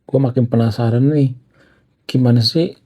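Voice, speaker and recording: A man in casual chat, asking questions in a slow, amused way with drawn-out interjections. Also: mid-range voice, steady tone, mellow.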